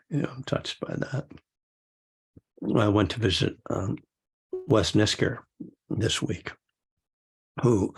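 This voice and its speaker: A man's voice: low voice, vocal fry, husky. An older man and meditation teacher gives a rambling, casual dharma talk, chuckling often and full of fillers.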